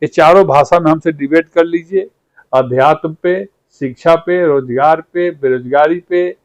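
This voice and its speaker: A man's voice: on the high side, measured pace, no echo, muffled recording. A man with a Bhojpuri accent, a party leader speaking in a political interview, fiery and rhetorical, repeating phrases for emphasis.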